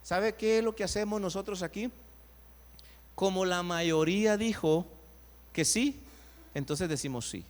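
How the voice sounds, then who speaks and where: A man, a pastor preaching a sermon, putting rhetorical questions to his congregation and swinging between loud emphatic lines and quiet low asides. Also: measured pace, pauses often. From Guatemala. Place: church sanctuary. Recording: long reverb of a church hall.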